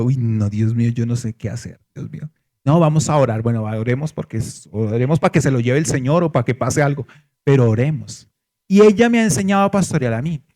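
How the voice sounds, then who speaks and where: A man's voice: fairly high pitch, darkish tone. A pastor preaching a sermon to his congregation, asking them questions and answering them himself.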